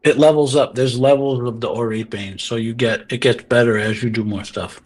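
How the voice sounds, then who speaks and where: Brief: raspy-toned male guildmate, laid-back, explains game quests. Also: medium pitch, fairly even intonation, moderate pace. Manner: helpful, explains game mechanics, curious asides. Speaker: guildmate in voice chat. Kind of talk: casual gaming voice chat.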